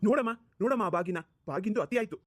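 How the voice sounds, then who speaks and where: A woman's voice: mid-range voice, expressive, fast talker, dry recording, clean studio sound, close to an everyday voice. A woman voicing a flustered young husband. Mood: pleading. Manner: pleading, exasperated. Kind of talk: cartoon voice acting.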